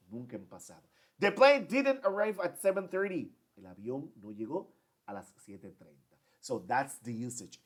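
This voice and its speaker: A man's voice: mid-range voice, slightly rough. Male English teacher, explains each grammar rule in both languages. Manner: switches between Spanish and English, repeats and translates each point. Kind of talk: bilingual grammar lesson.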